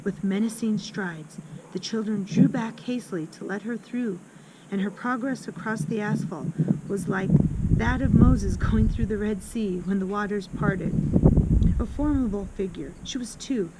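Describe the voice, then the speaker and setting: A woman reading a children's book aloud, expressive, with small slips and restarts. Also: medium pitch, normal speed. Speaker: reader. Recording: loud background noise with passing traffic.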